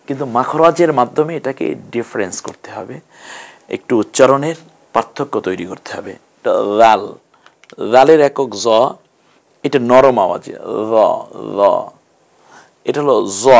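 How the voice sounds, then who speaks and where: A middle-aged man with a mid-range voice leads an online Quran class, slowly drawing out the sounds of Arabic letters so learners can repeat them.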